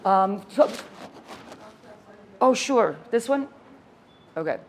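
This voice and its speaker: A woman in her sixties leading a workshop for trainers, lively and enthusiastic as she teaches and tells stories. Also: mid-range voice, very slow. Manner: energetic, enthusiastic storyteller. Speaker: fitness educator leading a workshop.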